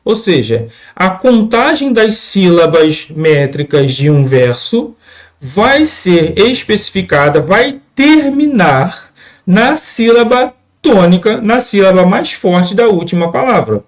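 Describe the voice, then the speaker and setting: A man's voice: sits high, sing-song, slow pace. A man teaching a lesson on scanning verse, patient and repetitive, often checking in with "né?". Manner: patient, repeats words and asks "né?" often. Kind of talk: classroom lesson explaining poetry scansion.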